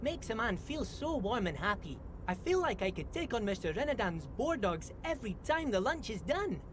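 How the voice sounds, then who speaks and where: Un vecchio tuttofare di porto, chiacchierone e ingenuo. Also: male voice, high-pitched, sing-song, normal speed, a bit bright, slight background noise. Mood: cheerful. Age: older. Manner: eager, rambling, folksy grammar. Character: kindly simple older male dock handyman. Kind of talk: video game voice acting.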